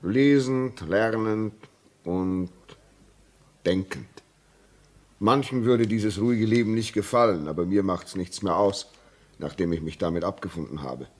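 An actor playing a lonely, self-taught railway signalman who is haunted by a ghost, in a classic radio play, speaking slowly and gravely. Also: on the low side. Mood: brooding. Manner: slow, grave and brooding, rising when agitated. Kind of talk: classic radio drama acting.

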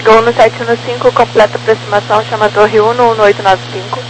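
A woman's voice: on the high side, level tone, fast talker, over music. A woman with a Brazilian accent giving clipped radio instructions as an approach air traffic controller. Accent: Brazilian Portuguese. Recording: humming, noisy aviation radio.

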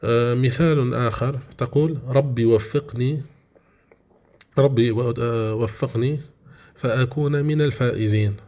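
Male grammar teacher, mid pitch, steady classroom delivery, repeats each example, frequent pauses. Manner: patient, repeats examples and restates points; frequent hesitations with drawn-out fillers.

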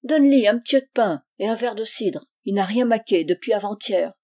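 A woman voicing a calm, big red-bearded fisherman who speaks steadily. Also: mid-range voice, fairly quick, close to an everyday voice.

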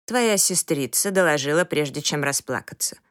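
A woman voicing a weary old father who talks slowly and low, with tired sighs. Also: expressive, dry recording, clean studio sound. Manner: slow, low, tired sighing delivery. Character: old weary father, gruff, slow-spoken musician.

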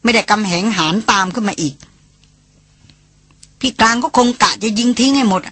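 A woman's voice: a little high, moderate pace, a bit bright, slightly rough, no room sound. A woman voicing a headstrong young woman who scolds and speaks with sarcasm in an audiobook. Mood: explaining. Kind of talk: audiobook character reading.

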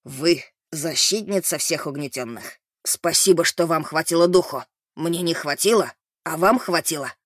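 A man voicing a drunk, overexcited former restaurateur in an audiobook, loud and exclamatory. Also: fairly high pitch, moderate pace, no echo, clean studio sound. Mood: drunk elation. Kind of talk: audiobook character reading.

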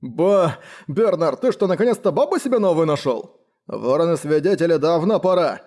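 A man voicing a burly, hungover count who bellows gruffly and commandingly in an audiobook. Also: a little high, lively intonation, normal speed, a little mellow, pitched above the performer's own voice. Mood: bellowing. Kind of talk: audiobook character voice.

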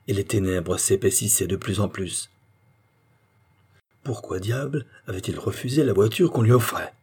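Low husky guy reading a short story out loud, measured and expressive. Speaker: narrator.

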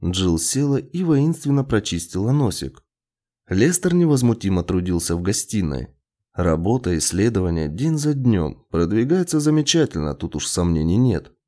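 A man narrating a science fiction story in an expressive audiobook reading. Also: lowish voice, normal speed.

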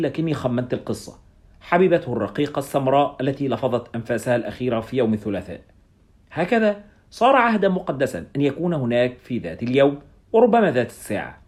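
Brisk, lively male storyteller. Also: medium pitch. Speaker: audiobook narrator. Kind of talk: scripted first-person story narration.

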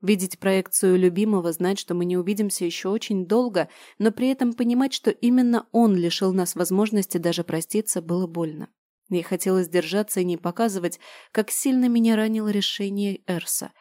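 A woman reading a novel aloud in the first person, calm and measured. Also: medium pitch, no room sound, studio quality. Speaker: audiobook narrator. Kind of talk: first-person audiobook narration.

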